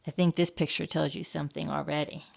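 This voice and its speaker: A woman librarian reading a picture book aloud to children in a slow, expressive storytime voice. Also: low-pitched, creaky, husky.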